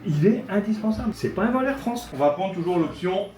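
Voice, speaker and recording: A man's voice: high voice, expressive, brisk, warm tone. A man acting as safety instructor, giving an informal briefing. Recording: roomy, distant, clear chatter behind.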